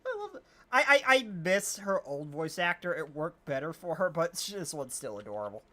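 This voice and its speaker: Animated streamer, mid-pitched voice. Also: moderate pace. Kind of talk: casual gameplay commentary.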